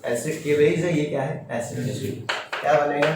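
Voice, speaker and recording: Heard from a distance in a noisy, echoey classroom, a male chemistry teacher lectures sternly and keeps checking understanding with short questions. He speaks at a measured pace in a fairly high voice.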